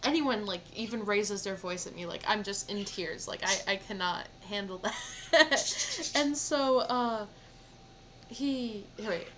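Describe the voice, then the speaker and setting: A young woman streamer telling a personal story in casual chat, rambling with lots of "like" fillers and animated feeling. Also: mid-range voice, takes it slowly, slight background noise, low-quality recording. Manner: rambling, heavy use of "like" fillers; animated, emotional retelling.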